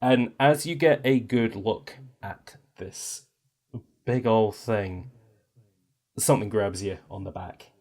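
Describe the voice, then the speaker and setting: A man's voice: lowish voice, slow pace, darkish tone. A man casually narrating and improvising a tabletop game as game master.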